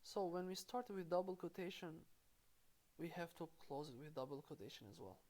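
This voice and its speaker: In this screen-recorded programming lesson, an Albanian woman with a lowish, darkish voice speaks at normal speed in her Albanian accent. She walks through the code step by step, spelling it aloud and correcting herself slightly along the way.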